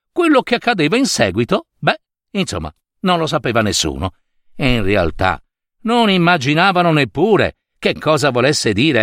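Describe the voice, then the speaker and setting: Slow, very expressive male storyteller. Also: mid-range voice, no room sound, clean studio sound. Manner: expressive, playful. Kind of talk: reading a fairy tale aloud.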